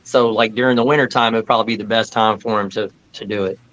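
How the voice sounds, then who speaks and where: A man's voice: on the low side, steady tone, fast talker, a bit bright, lo-fi sound. Man with a casual Florida accent. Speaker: band vocalist and guitarist. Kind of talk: casual chat.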